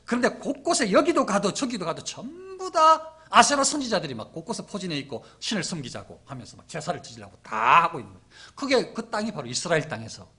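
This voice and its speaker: Middle-aged preacher, animated storyteller, husky edge, wide-ranging pitch. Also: male voice, fast talker, hardly any pauses. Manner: animated storytelling with acted-out quotes. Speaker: pastor. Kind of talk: sermon.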